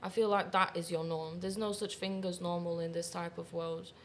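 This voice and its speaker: Speaking at a moderate pace in a fairly low voice with little pitch movement, a confident woman from Manchester, England chats casually as an interview guest. She's a professional dominatrix who talks candidly and laughs readily, and there's slight background noise.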